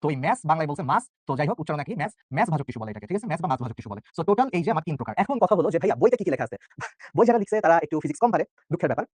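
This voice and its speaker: A young man from Bangladesh gives an online biology lecture at a very rapid clip. His voice sits high and the sound is dry and close. He is chatty and joking, and keeps checking in with his students. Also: very animated, a little mellow, breathy edge, no echo. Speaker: biology tutor. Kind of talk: online exam-prep lecture.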